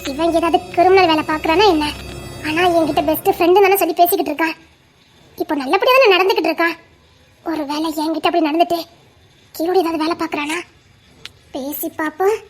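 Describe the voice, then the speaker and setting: A woman playing a young separated wife and student, speaking with a Tirunelveli Tamil accent in a musing, soft-spoken way. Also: very high voice, fairly quick, long pauses, soft background music.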